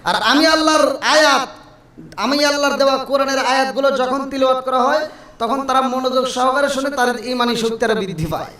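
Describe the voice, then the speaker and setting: Man, Friday sermon, very high voice, heavy echo, mic far off. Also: brisk, bright, forceful tone, a little hiss or hum. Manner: calls out questions for the crowd to answer. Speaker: preacher. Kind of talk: Friday sermon with Arabic recitation. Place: mosque. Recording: very echoey mosque hall from far off.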